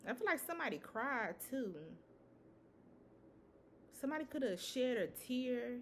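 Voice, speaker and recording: Casual tarot-reading woman, higher voice. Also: animated, unhurried, fairly bright tone, slight background noise. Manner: loose, repetitive, sprinkled with "you know" and swearing. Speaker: tarot reader.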